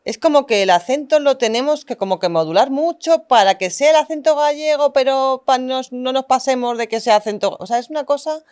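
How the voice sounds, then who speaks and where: A woman hosting a podcast interview, talking in a hesitant, searching way with many fillers, rising in pitch when she gets animated. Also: brisk, hardly any pauses, smooth. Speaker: podcast host.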